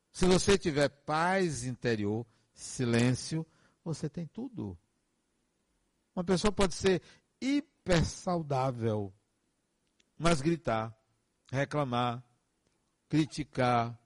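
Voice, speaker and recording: A man's voice: mid-range voice, dry recording. A man, speaking as a counselor in a reflective, earnest monologue full of advice and emphatic repetitions.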